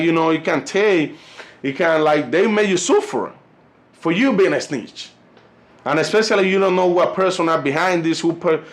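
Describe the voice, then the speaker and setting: This young man in his 20s hosts a YouTube channel, talking in a higher voice through loose, filler-heavy vlog commentary peppered with "you know" and "fellas." He's Colombian, Spanish is his first language, and he carries a Colombian Spanish accent.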